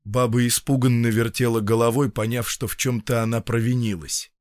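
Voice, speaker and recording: A man reads a literary story in a measured, expressive voice at a middle pitch. The recording is dry and close, with no room sound. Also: no echo. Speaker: narrator. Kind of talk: audiobook reading.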